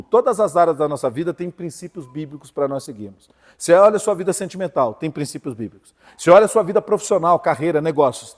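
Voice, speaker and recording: A man's voice: medium pitch, darkish tone. A man with a Brazilian accent preaching a sermon in church, emphatic and full of rhetorical questions to the congregation. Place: church hall. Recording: reverberant church hall.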